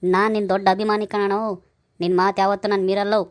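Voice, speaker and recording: A woman's voice: medium pitch, level tone, fast talker, lightly acted. Woman doing a fussy talkative village man. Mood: pleading. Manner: fussy, correcting, pleading. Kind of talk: village comedy skit.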